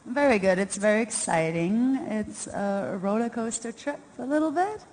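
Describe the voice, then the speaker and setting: A woman's voice: medium pitch, animated, normal speed, darkish tone. A woman from Iran, a festival guest, answering the host's questions in an upbeat, polite way.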